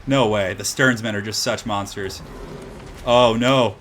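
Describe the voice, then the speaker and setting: A man giving excited live commentary on a strategy game tournament, exclaiming and jumping up in pitch, tired late at night. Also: measured pace, a little hiss or hum. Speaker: streamer casting a tournament.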